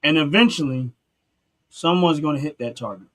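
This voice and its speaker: A man's voice: on the high side, moderate pace. A man from Philadelphia hosting a casual talk show and speaking in an earnest, emphatic, preachy way. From Philadelphia, USA. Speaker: podcast host.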